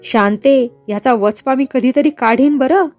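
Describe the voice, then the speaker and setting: A woman's voice: high-pitched, measured pace, darkish tone, soft background music. A woman voicing a jealous, sneering man who mocks and pesters a woman. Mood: taunting. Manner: taunting, mocking.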